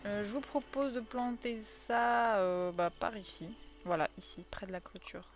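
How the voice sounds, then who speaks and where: A woman's voice: mid-range voice, steady tone, unhurried, a little hiss or hum. A woman giving casual, chatty commentary while streaming a cozy game, talking to her viewers, counting items aloud and crying out when things go wrong. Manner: chatty, talks to viewers, counts aloud, bursts into cries of frustration.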